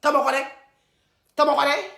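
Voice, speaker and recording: High-voiced taunting woman on a livestream. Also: moderate pace, vocal fry, fairly bright tone, echoey room, a little hiss or hum. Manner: taunting, chanting insults, laughing. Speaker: live-stream host. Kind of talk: mocking live-stream rant. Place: room, phone on live stream. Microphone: phone.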